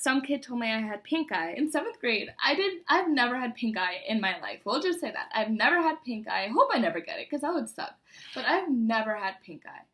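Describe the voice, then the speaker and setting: A woman's voice: on the high side, fairly bright tone. A young woman chatting casually to viewers as she reads aloud from an old diary, embarrassed and poking fun at herself. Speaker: vlogger.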